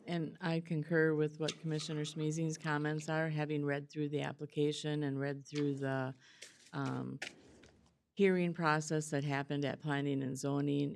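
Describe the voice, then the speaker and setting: A woman county commissioner asking questions and commenting at a public board meeting, measured and hesitant with fillers. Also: low-pitched, creaky, a little mellow, slight background noise.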